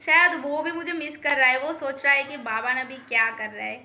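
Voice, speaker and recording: A woman's voice: sits high, steady tone, brisk, sharp tone, reverberant. A young woman with a Bengali accent, playfully chatting and pleading in a casual couple vlog. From Kolkata, India. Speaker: vlogger.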